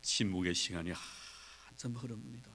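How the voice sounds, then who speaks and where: Bright-voiced dramatic male preacher. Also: lowish voice, unhurried, gravelly, a little hiss or hum. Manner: dramatic storytelling, wide swings in loudness. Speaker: pastor. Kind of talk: sermon.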